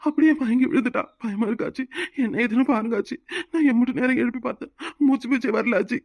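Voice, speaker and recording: A woman voicing an emotional young village husband in a cartoon, with a Tirunelveli Tamil accent, pleading and quick to flare up. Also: on the high side, vocal fry, darkish tone, no echo. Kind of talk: cartoon voice acting.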